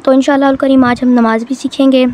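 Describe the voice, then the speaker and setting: A woman teaching Quran reading in a home video lesson, explaining step by step and drawing words out slowly. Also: high-pitched, flat delivery, a little mellow, slight background noise.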